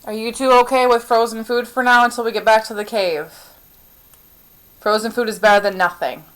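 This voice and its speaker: A woman's voice: on the high side, fairly even intonation, a little fast, fairly bright tone, low-quality recording. A woman playing a tabletop game, asking polite questions and reading out her rolls. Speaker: player. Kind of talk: casual tabletop game play.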